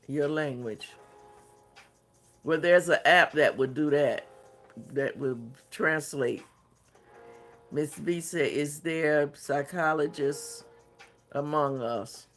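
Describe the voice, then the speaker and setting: Slow, unhurried man reading comments aloud. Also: fairly high pitch, fairly bright tone, soft background music. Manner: unhurried, hesitant, thinking aloud between comments. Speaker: craft livestream host. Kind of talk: casual livestream chat, reading viewer comments aloud.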